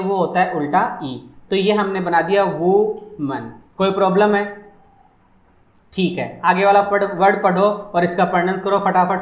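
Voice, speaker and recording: In an online phonetics class preparing students for an exam, a male teacher with a high voice goes over every point more than once. He asks questions and answers them himself, and the audio sounds roomy.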